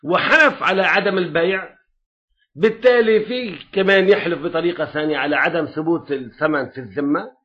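A man's voice: fairly high pitch, brisk, muffled recording. A man with a Lebanese Arabic accent teaching religious law in a classroom lecture, often checking that his students follow.

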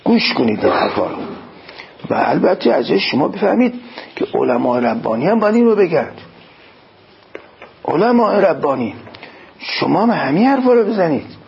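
A man's voice: on the high side, sing-song, creaky, long pauses, lo-fi sound, a little hiss or hum. A man preaching a sermon, quoting Arabic phrases and explaining them in an exhorting tone. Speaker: cleric.

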